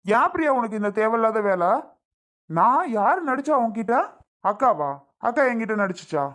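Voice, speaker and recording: A woman's voice: a little high, big pitch swings, normal speed, a bit bright. A woman playing a young man who questions his angry wife and coaxes his nieces in a family skit. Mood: questioning. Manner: questioning, coaxing, affectionate. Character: concerned brother and uncle, young man.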